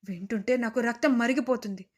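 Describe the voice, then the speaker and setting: A woman's voice: a little high, brisk. A woman narrating a first-person audio story with emotion, turning to speak directly to her listeners.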